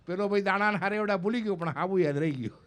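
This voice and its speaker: Performing live for an audience on an event stage, a North Gujarati man in his fifties, a comedian and mimic, speaks quickly in a high voice. His accent marks his North Gujarat roots, and he brings his stories to life by imitating each character's lines.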